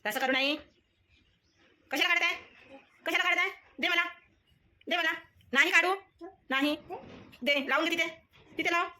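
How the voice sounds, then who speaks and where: Woman cooing at her toddler at home, super high sing-song baby talk, bright and ringing. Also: moderate pace, pauses often. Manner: sing-song, coaxing, repetitive. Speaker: vlogger and mother.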